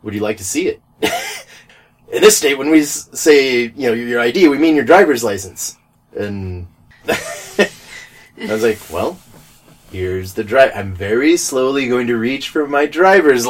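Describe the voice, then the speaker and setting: A man chats casually and spins a long anecdote, laughing as he goes and acting out the voices of the people in it. His voice sits in an ordinary middle range, and the talk has a relaxed, conversational flow. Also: medium pitch, measured pace. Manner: animated, laughs while telling stories, acts out quoted exchanges. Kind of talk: casual storytelling chat.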